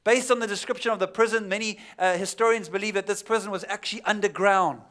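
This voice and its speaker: A pastor with a high-pitched voice, preaching a sermon to his church. He is from South Africa and tells the story in a relaxed, conversational way, sinking to a near hush at the serious moments. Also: quick pace.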